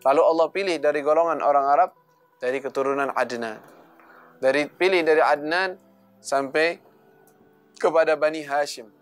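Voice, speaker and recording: A man's voice: a little high, moderate pace, long pauses, clean tone, faint music behind. A man giving a conversational religious lesson, asking and answering his own rhetorical questions. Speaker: religious teacher. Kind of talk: sermon.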